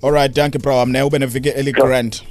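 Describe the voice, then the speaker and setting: Male radio host, Zulu accent, slangy and laid-back, mid-pitched, with music behind the voice. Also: little pitch movement, fast, a little mellow, no echo. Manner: slangy, laid-back, mixing English words into talk. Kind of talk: casual radio chat. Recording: music under the voice.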